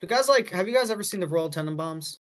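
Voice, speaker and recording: Fast-talking rambly man. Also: high-pitched, animated. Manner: rambling, heavy on fillers, self-correcting. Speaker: podcast co-host. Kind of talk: casual movie discussion.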